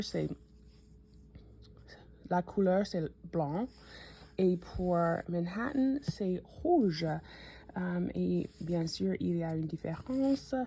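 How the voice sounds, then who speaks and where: She speaks on the low side, mellow with a breathy edge, in the American accent of the New York suburbs, where this native English speaker is from. Hosting a casual cooking vlog, she tentatively leads viewers through a cookbook, full of fillers and self-corrections.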